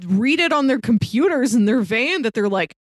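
Her voice is a little high with lively intonation at a normal pace, captured cleanly in studio quality with no echo. She co-hosts a podcast, casually discussing film and using "like" a lot.

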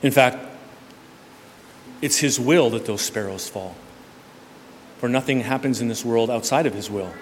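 A man's voice: mid-range voice, unhurried, long pauses. Man preaching in a reverberant church. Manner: conversational preaching with sudden swings from loud to hushed. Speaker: pastor. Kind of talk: sermon. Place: church sanctuary. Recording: long church reverb with faint room noise.

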